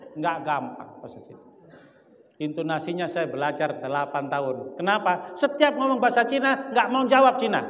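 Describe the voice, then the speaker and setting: A man's voice: sits high, fairly bright tone. A male Islamic preacher giving a humorous sermon, telling stories with jokes and acted-out dialogue. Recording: dull lo-fi recording with long hall reverb.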